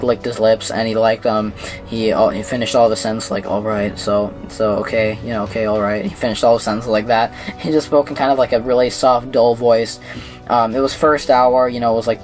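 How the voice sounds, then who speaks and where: A young man from Minnesota answering viewer questions in a casual, rambling vlog, with lots of fillers and restarts. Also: mid-range voice. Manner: rambling, many fillers and restarts, chuckles at himself. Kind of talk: casual Q&A monologue.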